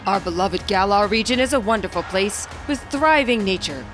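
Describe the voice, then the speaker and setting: A woman with a mid-range, expressive voice speaks at normal speed over soft background music, sounding natural. She plays a male business chairman in a game story, delivering a formal, pompous public welcome with a grand, showy flair.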